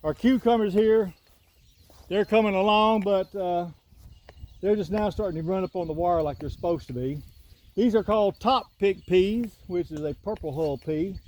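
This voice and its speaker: An older man from the Southern United States strolls through his rural garden, filming himself with a phone on a selfie stick for a casual walkthrough vlog. His high, slightly mellow voice moves at a moderate pace, and his chat is folksy and rambling, with a Southern drawl.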